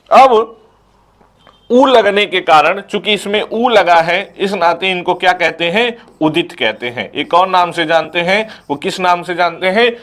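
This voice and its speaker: A man's voice: high-pitched, a bit bright. A young man teaching an exam coaching lecture, who asks questions and answers them himself and recites letters one by one.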